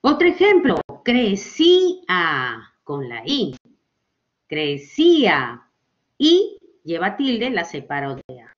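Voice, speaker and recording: Woman teacher, slow, drawn-out example words, frequent check-ins, muffled lo-fi sound. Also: mid-range voice, huge pitch swings. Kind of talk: language lesson for children. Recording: dull lo-fi recording.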